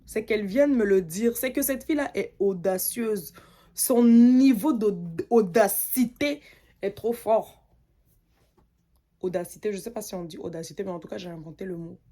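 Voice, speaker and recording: A woman's voice: mid-range voice, quick pace, few pauses. Indignant woman from French Guiana ranting. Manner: animated, indignant, mimics others' voices. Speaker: content creator. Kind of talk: casual storytime rant.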